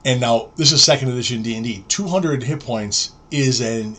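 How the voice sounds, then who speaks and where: A man in his forties tells a story on a podcast in a relaxed, chatty way. He acts out each quoted line with bursts of energy. His voice sits at an ordinary middle pitch. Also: normal speed. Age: 40s. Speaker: podcast co-host. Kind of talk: casual storytelling chat.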